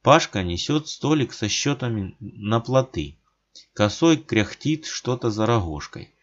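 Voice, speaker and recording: A man narrating a literary audiobook in a measured, plain manner, in a dull lo-fi recording. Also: mid-range voice, big pitch swings.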